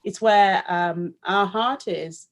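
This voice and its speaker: A raised woman historian speaks in a reflective conversational way, pausing often with fillers as she builds her ideas. Her voice sits at a middle pitch. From Cameroon, raised in Paris. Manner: thoughtful, searching for words with fillers. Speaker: historian and author. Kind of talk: conversational discussion.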